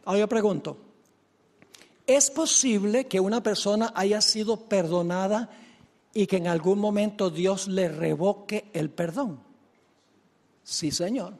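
A man preaching a sermon, telling a story with lively delivery and speaking straight to his congregation. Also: high voice, unhurried, long pauses. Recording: echoey hall reverb.

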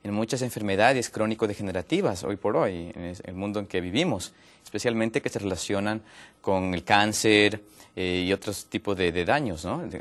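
A man from Ecuador, a guest on a health program, explaining a topic patiently with many pauses and fillers. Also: lowish voice.

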